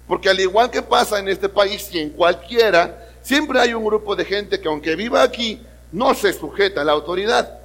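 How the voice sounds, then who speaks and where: In a church service hall with the long reverb of a large room, a pastor with a Mexican Spanish accent preaches to his congregation, asking them questions and acting out voices. His voice is high and fairly bright.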